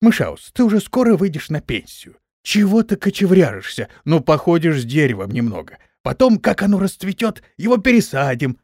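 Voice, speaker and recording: A man's voice: a little high, big pitch swings, normal speed, creaky, husky, no room sound, clean studio sound, heavily acted. A man voicing a pompous male dwarf town head, coaxing and persuading in a raised voice in an audiobook.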